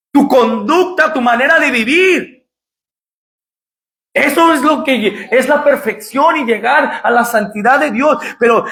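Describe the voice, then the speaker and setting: A man, a pastor, giving an impassioned sermon, repeating phrases and shouting at the high points. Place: church. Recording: echoey church hall.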